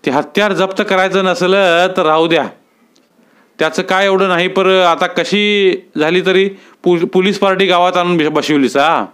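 A man's voice: high voice, steady tone, moderate pace, a bit bright, clear, resonant tone, voice pushed up. A man reading a story aloud, voicing Dajiba, a blunt, scheming village man with rustic speech.

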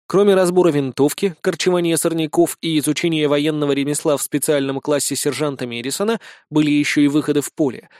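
A man reading a humorous first-person audiobook with a wry, deadpan delivery on a close mic. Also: on the high side, no echo. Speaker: audiobook narrator.

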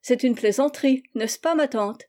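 A woman reading aloud as a mild-mannered, indulgent father who pleads gently. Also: high voice, moderate pace, pitched above the performer's own voice, natural voice. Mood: pleading.

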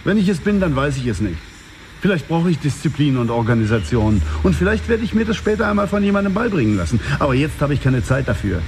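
An actor playing a stubborn, crusading newspaper editor in a radio drama, who speaks forcefully and commandingly. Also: male voice, on the high side, sing-song, fast talker, a little hiss or hum. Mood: resolute.

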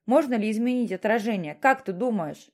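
A woman's voice: a little high, expressive, a little fast. A woman voicing a stern, mysterious voice from the sky that questions and lectures insistently.

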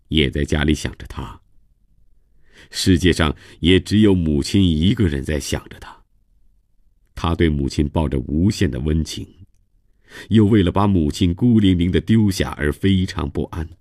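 A male storyteller giving a steady, measured radio reading of a novel in a studio. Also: deep voice, no echo. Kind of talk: scripted novel narration.

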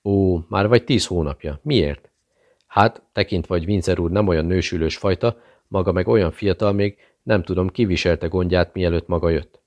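A man's voice: low-pitched, darkish tone. A man voicing a cheerful, talkative young housemaid in an audiobook. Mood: chatty. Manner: gossipy and talkative.

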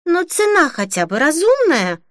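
Woman putting on a squealing excitable bride-to-be. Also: high voice, normal speed, no echo, studio quality, pitched above the performer's own voice, full character voice. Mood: anxious. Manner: gushing, breathless exclamations. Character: excitable young bride-to-be, shrill and demanding. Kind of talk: audiobook character reading.

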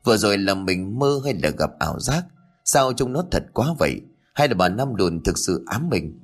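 A man's voice: on the low side, big pitch swings, normal speed, soft background music. A man voicing an anxious young man lying in a hospital in an audio story. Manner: stammering, anxious. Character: frightened, nervous young man patient.

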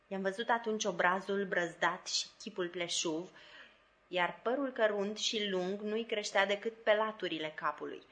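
A woman narrating a classic novel as an audiobook in a measured, even storytelling manner. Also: medium pitch. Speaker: audiobook reader.

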